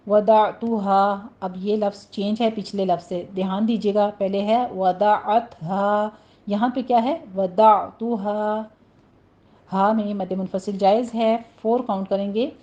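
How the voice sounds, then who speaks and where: A woman teaching Quran recitation rules, explaining each word, then reciting it slowly and carefully. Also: medium pitch, steady tone, mellow, muffled recording. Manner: instructive, drawn-out recitation of single words.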